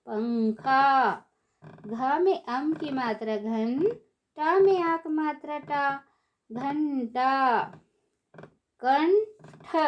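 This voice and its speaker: A woman teacher with a high voice, talking very slowly. She spells each word out syllable by syllable, repeats it for young learners, and asks questions that she answers herself. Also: muffled recording. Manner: asks and answers her own questions in a sing-song classroom tone. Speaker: primary school teacher. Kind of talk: Hindi phonics lesson for young children.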